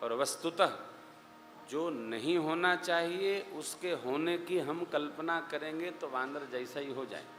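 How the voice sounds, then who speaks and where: A man giving a dramatic scripture discourse, dropping his voice low, then rising loud. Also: takes it slowly. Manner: dramatic storytelling, swings from hushed to loud. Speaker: religious storyteller. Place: large hall. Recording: echoey hall with music behind.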